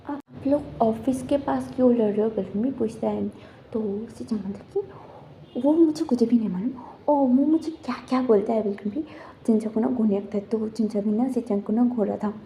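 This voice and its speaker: Mellow-voiced woman rambling through a retelling. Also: on the high side, a little hiss or hum. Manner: rambling, loops back on the same stock phrases. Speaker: fan fiction narrator. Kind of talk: casual story retelling.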